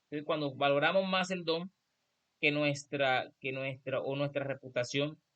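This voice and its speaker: A man calmly teaching a church class, explaining and correcting himself as he goes. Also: fairly high pitch, moderate pace, lo-fi sound. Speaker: teacher of a prophetic school class.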